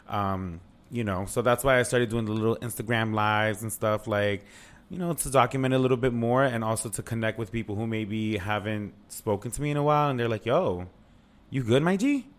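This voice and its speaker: A man co-hosting a podcast in casual, candid chat, slangy and full of swearing. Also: fairly low pitch. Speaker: podcast co-host. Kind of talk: casual chatty podcast talk.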